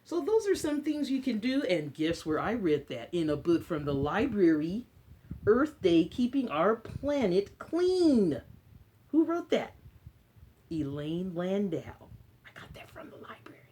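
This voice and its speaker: With a sing-song, medium-pitched, dark-toned voice, an American woman hosts story time for children. She reads aloud and chats at a measured pace, teacher-style, using short, simple phrases and questions for her listeners.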